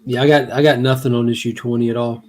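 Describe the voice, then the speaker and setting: A man's voice: mid-range voice, level tone, quick pace, a little mellow. A man joining a friend's livestream as a guest, chatting casually, joking around and laughing often. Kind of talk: casual chat.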